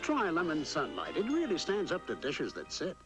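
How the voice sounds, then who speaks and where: A man's voice: on the high side, wildly swooping pitch, moderate pace, music in the background. A man narrating a scripted TV commercial as an announcer.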